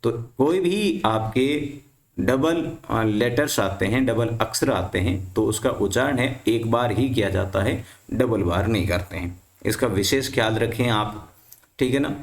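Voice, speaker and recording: A man's voice: on the low side, a little slow, echoey room. A male teacher explaining rules to students, who asks the class a question and then answers it himself.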